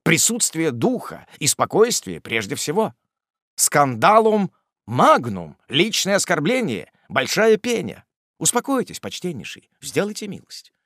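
A lean, dry middle-aged lawyer from a storybook, as a male reader puts him on, speaking in a soft, unctuously polite way. The recording is close and dry. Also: a little high, wildly swooping pitch, measured pace, no room sound, heavily acted. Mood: placating. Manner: smooth, soothing, overly polite.

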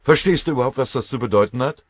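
A man voicing a venomous, excitable male army sergeant who grumbles and shouts. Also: extremely low pitch, moderate pace, breathy edge, no echo, clean studio sound, exaggerated voice. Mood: shouting.

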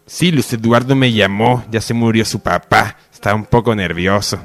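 A man's voice: on the low side, fairly even intonation, moderate pace, fairly bright tone, soft background music. A man playing a reassuring, colloquial young best friend, in radio soap opera acting. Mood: earnest.

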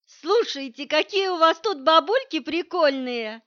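Audiobook bit: woman reader doing a loud, cheeky young woman, pitched up a touch, dull lo-fi sound. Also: expressive. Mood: excited. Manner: loud, teasing, quick-tongued. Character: brash cheeky young woman, former shooter. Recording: dull lo-fi recording.

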